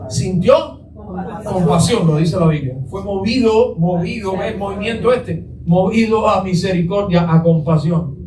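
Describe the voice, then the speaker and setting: Male pastor preaching, questioning his congregation; higher voice, reverberant room. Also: a little slow, recorded from a distance, crowd noise. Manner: asks the congregation questions and answers them. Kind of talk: Sunday sermon. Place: church sanctuary.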